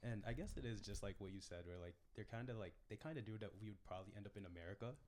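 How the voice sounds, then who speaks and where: Over a noisy recording, a young Filipino podcast co-host talks at a racing pace in a lowish voice. The chat is relaxed and full of swearing, and he livens up whenever he quotes his family.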